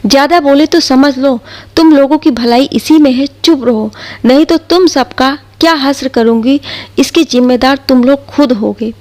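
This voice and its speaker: A woman's voice: sits high, moderate pace, darkish tone, close to an everyday voice. A woman voicing a bullying young sister-in-law who scolds harshly. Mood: scolding.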